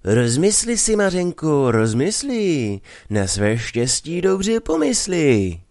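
A man reading a story aloud, voicing a pushy middle-aged marriage broker who coaxes in a drawn-out, sing-song way. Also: on the high side, very animated, no room sound, studio quality, voice pushed up. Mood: coaxing.

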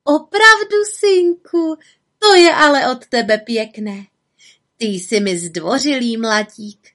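Woman voicing a little witch: high, sweet, playfully cheeky, storybook. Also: lightly acted. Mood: teasing. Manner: bright, coaxing and playful. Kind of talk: storybook reading.

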